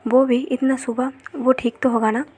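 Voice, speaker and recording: A woman's voice: high-pitched, flat delivery, moderate pace, a little mellow, slightly rough. A woman reading the lines of a worried young policewoman plainly within her story narration. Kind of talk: narrated fan-fiction retelling.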